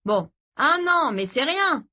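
A woman's voice: sits high, very animated, slow, pushed and bright, pitched above the performer's own voice, heavily acted. Woman doing an awkward, defensive teenage boy. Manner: defensive, hesitant.

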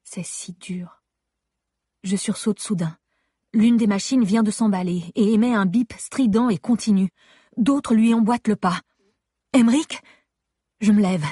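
A woman's voice: mid-range voice, moderate pace, dark tone, slightly rough, no echo, studio quality. A woman reading a first-person story aloud in a restrained, intimate manner. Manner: intimate, restrained, rising to distressed pleading in dialogue. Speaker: narrator. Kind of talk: first-person audiobook narration.

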